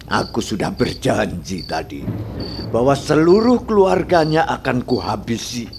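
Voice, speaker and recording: An actor playing a stern, vengeful martial-arts warrior in old radio drama style, deliberate and threatening. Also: male voice, lowish voice, background noise, exaggerated voice. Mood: menacing. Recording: radio drama with music behind.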